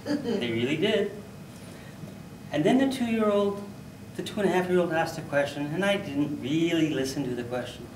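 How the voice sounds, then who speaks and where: Male contest speaker telling a funny story, lively delivery, recorded far off in a roomy hall. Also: on the high side, normal speed, a little hiss or hum. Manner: animated, loud bursts for sound effects. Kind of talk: humorous storytelling speech. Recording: echoey hall, mic from far off.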